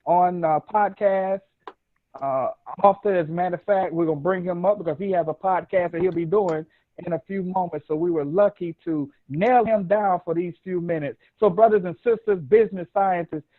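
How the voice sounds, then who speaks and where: High-voiced Southern man hosting. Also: moderate pace, no room sound. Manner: chatty, rambling, laughs often. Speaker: talk show host. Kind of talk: live online talk show hosting. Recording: dry, tinny phone-like call audio.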